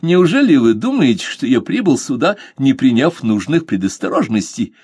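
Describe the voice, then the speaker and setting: A man's voice: mid-range voice, big pitch swings, normal speed, darkish tone, husky, dry recording, clean studio sound, pitched above the performer's own voice. A man voicing a haughty English lord who speaks sharply and indignantly. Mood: contemptuous. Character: haughty angry English lord, male adult.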